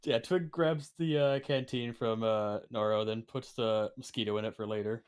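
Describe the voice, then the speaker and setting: A man's voice: medium pitch, steady tone, normal speed, darkish tone, smooth. Hesitant tabletop player, a man who talks with fillers. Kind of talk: casual tabletop game chat.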